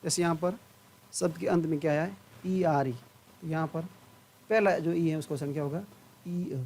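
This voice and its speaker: Teaching English pronunciation, an Indian man spells out words letter by letter and stretches every sound, then asks questions he answers himself. His voice is fairly high and darkish, moving at a moderate pace.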